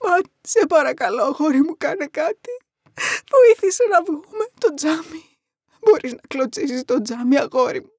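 A woman's voice: sits high, animated, no echo, studio quality, voice pushed up. Woman acting a frantic mother screaming for help. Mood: panicked pleading. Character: terrified mother trapped in sinking car. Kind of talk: dramatic horror audiobook.

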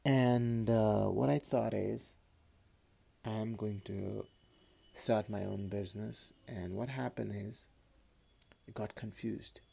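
A man in his late twenties with a Kashmiri accent, talking casually and haltingly as a podcast host, often repeating words, recorded on a phone. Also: on the low side, steady tone, vocal fry, dark tone, slightly rough. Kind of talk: casual personal monologue.

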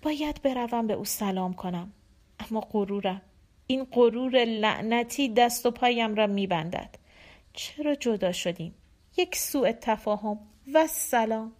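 A woman voicing a brooding, proud middle-aged man, speaking low and heavy, in a storybook reading. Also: darkish tone, lightly acted. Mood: regretful.

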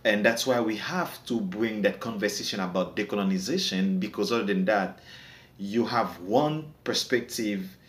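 This podcast guest is a Haitian man whose first language is Creole, and he speaks with a Haitian accent at a moderate pace, his voice on the low side and the recording roomy. Earnest throughout the casual discussion, he often repeats words while he looks for them.

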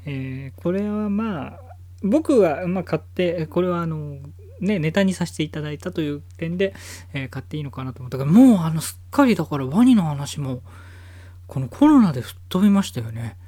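A man's voice: on the high side, animated, fairly quick, warm tone, no echo. A man hosting his own podcast from home, rambling casually with many fillers. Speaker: podcast host. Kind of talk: casual solo podcast talk.

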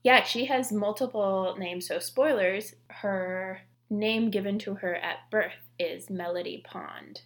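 A woman co-hosting a casual podcast chat, her voice carrying a steady gravelly fry. She talks in a loose, chatty way and fills her sentences with "like." Her pitch sits in a middle register. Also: slow, hardly any pauses. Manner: chatty, many "like" fillers. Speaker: podcast co-host. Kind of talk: casual chat about scripture and fiction.

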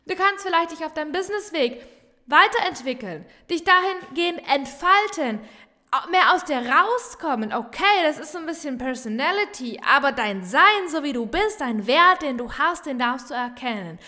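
Bright, high-voiced woman giving a pep talk. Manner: earnest, repetitive, directly addressing the listener. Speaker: business coach. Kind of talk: motivational talk. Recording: long hall reverb.

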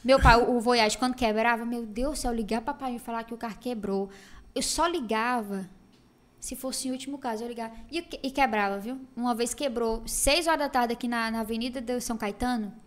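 Young woman, high voice, animated storyteller acting out every voice in her anecdotes. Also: fairly quick. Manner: animated storytelling, acts out voices of family and police. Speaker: guest storyteller. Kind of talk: casual chat.

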